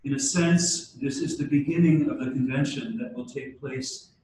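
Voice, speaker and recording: A church leader opens a diocesan meeting in a large church hall, speaking in a measured, formal way before leading a prayer, occasionally halting and restarting. His mellow, mid-range voice is far from the mic and swallowed by cavernous echo, over faint room ambience and slight background noise.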